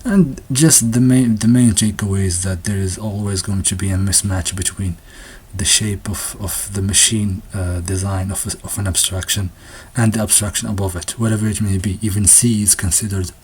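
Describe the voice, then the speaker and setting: A man explaining a textbook's ideas in a casual unscripted talk, halting often with restarts and fillers and sometimes laughing nervously. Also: lowish voice, fairly even intonation, darkish tone, a little hiss or hum. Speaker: presenter discussing a textbook.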